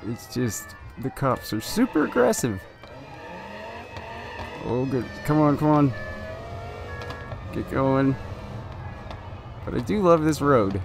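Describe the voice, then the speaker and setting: Male gameplay commentator, measured slow delivery, fretful and pleading, music playing underneath. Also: medium pitch, big pitch swings, gravelly. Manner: anxious, pleading, keeps urging the car on. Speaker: gaming video creator.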